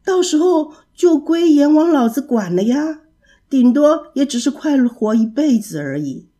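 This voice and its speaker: A woman's voice: high-pitched, very animated, measured pace, dark tone, pitched above the performer's own voice. A woman voicing the Stone Monkey, a proud and clever young male monkey king, in a children's storybook reading. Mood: sorrowful.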